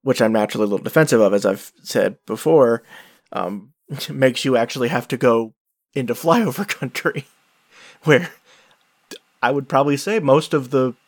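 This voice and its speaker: A man's voice: mid-range voice, dry recording, studio quality. A man co-hosting a podcast, talking casually with lots of restarts, stammered fillers and small laughs. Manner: halting, many restarts and "uh"s, laughs a lot. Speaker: podcast co-host. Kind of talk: casual chat.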